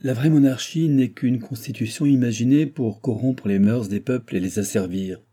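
A man voicing a grumbling old aristocratic baron who blusters and mocks, with loud outbursts, in an audiobook. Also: mid-range voice, normal speed, breathy edge, natural voice. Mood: scornful. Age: older. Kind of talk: audiobook character voice.

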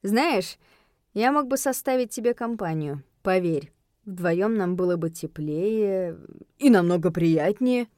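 A woman voicing a flirtatious, teasing male werewolf husband who purrs his words low and slow in an audiobook. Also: animated, darkish tone, no echo, studio quality, lightly acted. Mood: purring, teasing.

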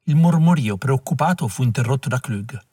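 A man reading a novel aloud as an audiobook narrator, measured and dramatic. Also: mid-range voice, animated, mellow, husky, no room sound, studio quality. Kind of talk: scripted narration.

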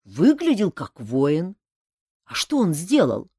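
A woman's voice: lowish voice, wildly swooping pitch, slow, dark tone, breathy edge, dry recording, pitched above the performer's own voice, full character voice. A fretful, pleading tavern keeper , as a woman reads him, fussing over his customers. Dry, close sound. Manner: anxious, pleading. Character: fretful middle-aged male tavern keeper.

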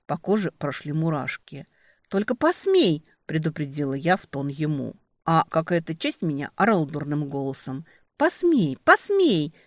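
Woman reading expressive fantasy romance. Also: low voice, moderate pace, dry recording, studio quality. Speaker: audiobook narrator. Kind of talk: first-person romantic fantasy narration.

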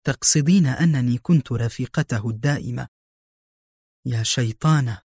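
Reader plays a captive woman agent for an audiobook: calm, defiant, dry close sound. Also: mid-range voice, moderate pace, husky, no echo.

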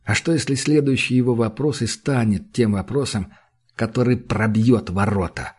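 A man reading a literary novel aloud in a measured, intense manner. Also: mid-range voice, husky. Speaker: audiobook narrator. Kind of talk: scripted literary narration.

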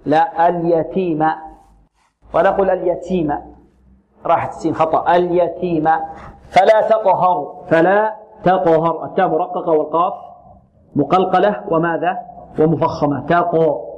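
A man leads a tajweed lesson in a fairly high voice, drawing words out slowly and repeating them as models. He corrects his students often. The recording sounds dull and lo-fi. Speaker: Quran recitation teacher. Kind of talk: tajweed lesson with drilled recitation.

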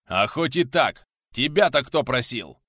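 A man's voice: medium pitch, very animated, unhurried, dry recording, studio quality, pitched above the performer's own voice. A man voicing a brash bearded young warrior who barks his lines. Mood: gruff. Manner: loud barking retorts.

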